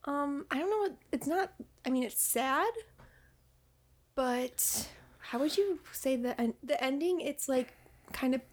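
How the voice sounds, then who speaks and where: A woman's voice: high-pitched, measured pace, pauses often. A woman co-hosting a casual film review chat, talking with many hesitations and laughing easily. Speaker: podcast co-host.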